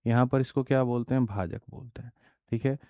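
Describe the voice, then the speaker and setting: A man teaching an exam-prep maths lesson. He poses rhetorical questions, answers them himself, keeps calling students "my brother", and reads out the English problem text slowly, word by word. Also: medium pitch, fairly even intonation, no echo, dull audio.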